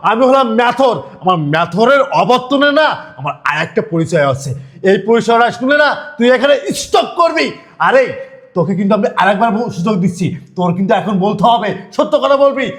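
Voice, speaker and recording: A man acting an angry, taunting husband in a short film, shouting and goading with repeated interjections. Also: very high voice. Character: angry man posing as sweeper, the returned husband.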